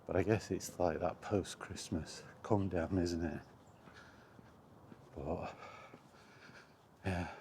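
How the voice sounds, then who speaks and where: Recorded on a walk to and around a park, this solo podcast host rambles casually in a low voice. He speaks in an understated way, hesitating and pausing often. Steady outdoor noise sits behind him.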